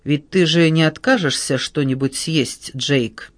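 A wry, weary middle-aged woman speaks coolly and firmly, as a male audiobook narrator puts her on. Her tone turns metallic when she insists. The voice sits a little high, recorded close and dry. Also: measured pace, no room sound, natural voice.

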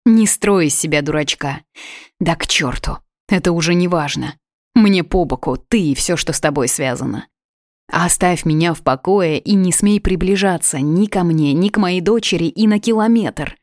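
A woman voicing a distraught young mother who shouts back in rage and tears, in an audiobook reading. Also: low-pitched, a little slow, dry recording, clean studio sound. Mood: furious tearful.

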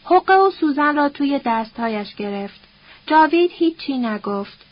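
A woman narrating a novel as an audiobook in a measured, even reading. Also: sits high, lo-fi sound.

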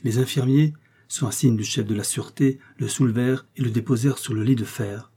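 Male audiobook narrator, measured delivery, warm dark husky tone. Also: mid-range voice, steady tone. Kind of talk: scripted narration of a novel.

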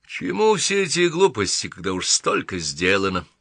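A man's voice: fairly low pitch, huge pitch swings, moderate pace, a bit bright, no echo, clean studio sound, exaggerated voice. A man reading an audiobook, voicing a sly and pompous male villain who talks in a fussy, indignant way. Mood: grumbling.

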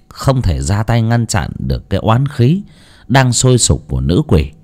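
A man narrating a ghost story with an expressive, dramatic reading. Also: medium pitch. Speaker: audiobook narrator.

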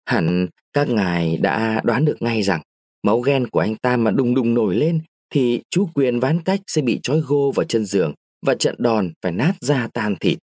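A man reading a short story aloud as a narrator, in a lively storytelling manner with shifts of tone. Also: mid-range voice, normal speed, no echo, studio quality. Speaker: audiobook narrator.

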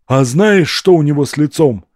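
A man voicing a scrappy, chatty young hustler who talks quickly and cheekily. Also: on the high side, animated, a little mellow, no echo, studio quality, voice pushed up, natural voice. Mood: cheeky.

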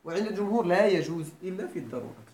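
A man's voice: high voice, lively intonation, rapid-fire, a little mellow. A man with a Moroccan accent giving a classroom grammar lecture, often quizzing his students and checking that they follow. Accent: Moroccan Arabic. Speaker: teacher of Arabic grammar. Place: lecture room at a Quran school. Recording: echoey room, faint background noise.

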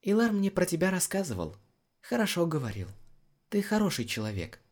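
A male audiobook reader voicing a cheerful, lively young woman healer. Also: sits high, brisk, pitched above the performer's own voice, heavily acted. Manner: bright, lively, reassuring.

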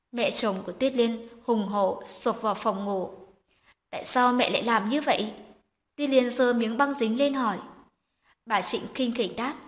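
Woman, storyteller, scripted narration, steady dramatic reading, fairly high voice. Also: big-room sound.

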